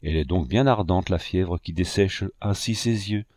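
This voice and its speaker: A man narrating a classic novel aloud in a measured, expressive way. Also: sits low, no echo, studio quality. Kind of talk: audiobook reading.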